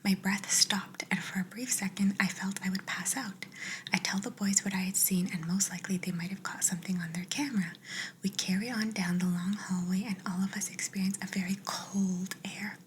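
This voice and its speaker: A young adult woman, an ASMR creator, reading viewers' stories in a soft, steady whisper. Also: mid-range voice, moderate pace, a little hiss or hum, rough recording.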